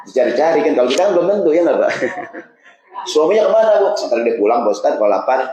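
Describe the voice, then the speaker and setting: A man's voice: on the high side, big pitch swings, fast talker, a crowd in the background. A man preaching a casual, humorous sermon, joking and asking the audience questions. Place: mosque hall. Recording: roomy mosque echo.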